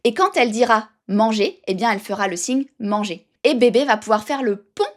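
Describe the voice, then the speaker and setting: A woman's voice: on the high side, animated, brisk. A woman teaching baby sign language in an upbeat, emphatic tutorial, speaking straight to the viewer. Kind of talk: direct-to-camera tutorial.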